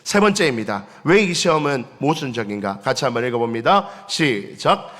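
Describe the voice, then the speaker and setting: A man preaching a Sunday morning sermon as pastor, lively, acting out the voices he quotes and asking the congregation questions. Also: medium pitch, moderate pace. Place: church sanctuary. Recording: long church reverb.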